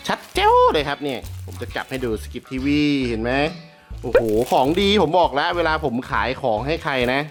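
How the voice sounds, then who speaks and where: A man hosting a casual vlog from around a house, excitable and joking, swearing freely and talking straight to his viewers. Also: mid-range voice, a little fast, soft background music. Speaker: YouTube host.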